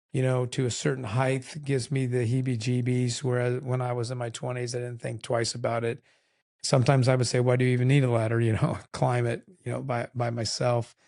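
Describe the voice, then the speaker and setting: An older man co-hosts a podcast with his wife, chatting casually in a candid, meandering way and frequently laughing at himself. His voice is mid-range with a somewhat dark tone.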